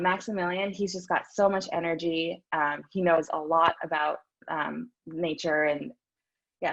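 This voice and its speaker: A woman's voice: lowish voice, lo-fi sound. A woman in her thirties from Southern California, chatting upbeat about her team with many ums. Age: 30s. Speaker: team member. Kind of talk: casual team introduction.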